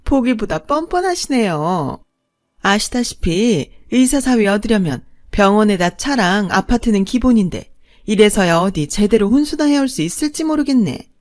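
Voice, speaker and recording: A woman voicing a snobbish, scheming stepmother-in-law who talks in a shrill, condescending way. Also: expressive, normal speed, no room sound, clean studio sound, natural voice. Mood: sneering.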